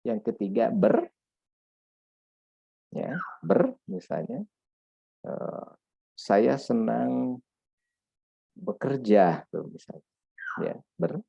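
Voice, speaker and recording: A man's voice: mid-range voice, big pitch swings, drawn-out words, vocal fry, long pauses, slightly rough, no room sound. A man lecturing on grammar in a patient, repetitive way, checking in with "ya" often. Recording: dull lo-fi dry recording.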